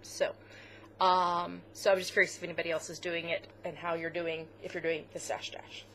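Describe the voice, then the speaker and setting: A woman's voice: lowish voice, level tone, normal speed, fairly bright tone, slight background noise. A woman co-hosting a knitting podcast in a casual, chatty way, with lots of fillers. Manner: chatty, with fillers, close to tears at times. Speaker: podcast co-host. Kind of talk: casual chat.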